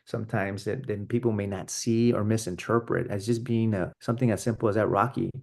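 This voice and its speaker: An earnest man with a fairly low voice talks in a relaxed, conversational way. He keeps circling back and restarting his sentences as he tells a story. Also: a little fast, creaky. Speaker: podcast co-host. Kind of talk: casual conversation.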